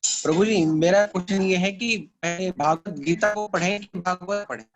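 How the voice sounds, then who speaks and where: A man with a high voice asks his question over a call that keeps breaking up as the signal cuts out. He stops and starts, repeating his first words. Faint guitar music plays behind him. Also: moderate pace. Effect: breaking-up call audio, signal cutting out. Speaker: caller asking a question. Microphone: voice over an online call.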